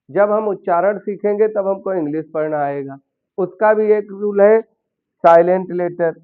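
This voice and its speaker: A man teaching a basic English grammar lesson in Hindi, explaining step by step and asking his learners questions. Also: sits high. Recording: tinny phone-like sound.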